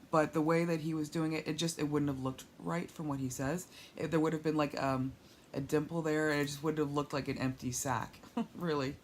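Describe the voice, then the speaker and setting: A deep-voiced woman, weak and sore after surgery, records a casual video diary at home, holding a tablet overhead while lying down. Her talk is rambling, candid and wry, with a little hiss or hum on the audio.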